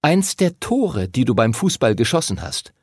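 A man's voice: mid-range voice, very animated, moderate pace, slightly rough, dry recording, studio quality, pitched above the performer's own voice. A man doing a sly cheeky girl. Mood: coaxing. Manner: coaxing, teasing.

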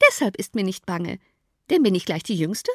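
A woman's voice: medium pitch, big pitch swings, normal speed, husky, dry recording, clean studio sound. A woman reading an audiobook, voicing a proud, self-assured teenage girl, the youngest daughter.

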